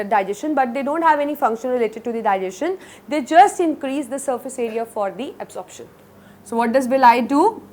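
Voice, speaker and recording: A woman with an Indian English accent, a science teacher giving a classroom lecture who explains step by step with frequent fillers and self-corrections. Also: a little high.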